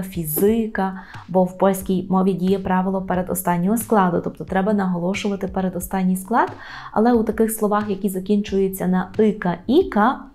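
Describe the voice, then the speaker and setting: A woman giving an online language lesson, saying each word slowly and carefully, then repeating it. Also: medium pitch, darkish tone. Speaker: language teacher.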